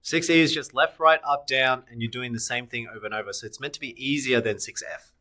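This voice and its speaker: A man teaches a recorded maths lesson, talking students through the steps by asking questions and answering them himself, correcting his on-screen sketches as he goes. His voice is medium-pitched and sharp, and he speaks a little fast.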